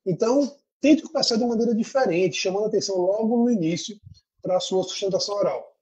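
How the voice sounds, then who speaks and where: Husky-voiced lawyer giving advice. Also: male voice, sits high, fast talker, darkish tone, poor audio. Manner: didactic, explains in lists. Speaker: lawyer guest. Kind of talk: advice in a podcast interview.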